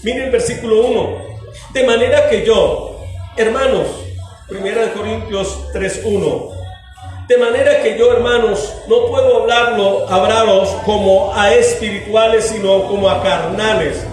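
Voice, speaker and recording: High-voiced pastor preaching, echoey hall. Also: male voice, steady tone, measured pace. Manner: preaches with rhetorical questions to the congregation and acted-out everyday scenes. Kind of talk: sermon. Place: church hall. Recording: echoey church hall from far off with music.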